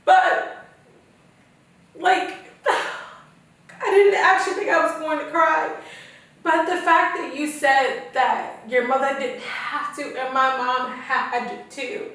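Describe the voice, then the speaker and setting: A woman's voice: high-pitched, steady tone, takes it slowly, fairly bright tone. A young woman from Kenya hosting a casual podcast chat, emotional and tearful at times. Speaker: podcast host. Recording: echoey room, far from mic.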